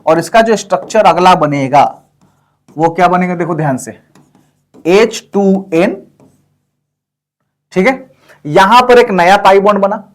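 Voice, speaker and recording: Male chemistry tutor, high voice, patient and repetitive, keeps checking in with students. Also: unhurried, pauses often. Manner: repetitive, checks in with listeners often. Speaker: chemistry teacher. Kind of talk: explaining on a whiteboard.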